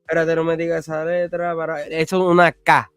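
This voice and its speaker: A man with a smooth, resonant, fairly high voice, heard close and dry on a video call. He talks in a lively, loose way, thinking aloud as he goes. Faint music plays underneath. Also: brisk, no room sound. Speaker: host. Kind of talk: casual conversation.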